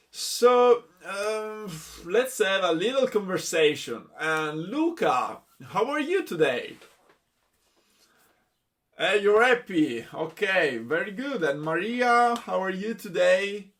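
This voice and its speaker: A man leads a classroom grammar lesson, calling on students and praising their answers. His fairly high voice rises and falls in a lively way. He speaks slowly and sounds a little distant from the microphone. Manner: encouraging, asks students by name, many okays. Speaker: English teacher.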